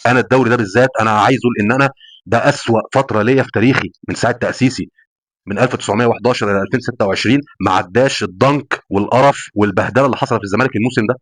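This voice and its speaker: Rapid-fire Egyptian man ranting about football. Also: on the low side, dry recording. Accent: Egyptian Arabic. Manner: emphatic, repeats phrases, swears oaths. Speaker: football fan commentator. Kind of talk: passionate post-match rant.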